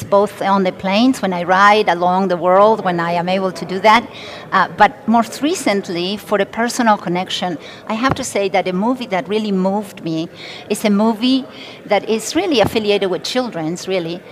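Argentine-born woman, measured interview guest. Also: mid-range voice. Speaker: guest, company president. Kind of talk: conversational interview. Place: conference expo floor.

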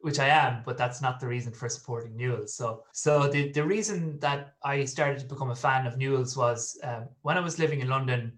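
A man's voice: mid-range voice, brisk, few pauses, a bit bright. A man around thirty with a west of Ireland accent, telling personal stories as a guest in a casual interview. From Galway, west of Ireland. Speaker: podcast guest, football fan.

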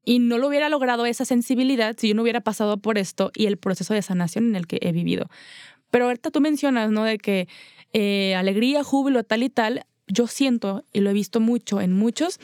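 A woman's voice: fairly high pitch, brisk, darkish tone, no room sound, clean studio sound. A woman with a Mexican accent speaking reflectively in a casual faith chat, sharing personal experience. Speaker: podcast co-host.

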